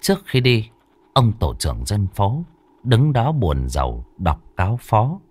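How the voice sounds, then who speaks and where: A male storyteller narrating a ghost story in a lively, dramatic way. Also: lowish voice, unhurried, slightly rough.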